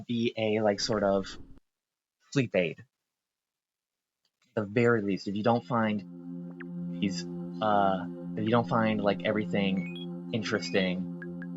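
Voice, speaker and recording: Here the gameplay video host rambles in a casual, apologetic way, packed with fillers and restarts, in a voice on the low side. The recording's highs are cut off.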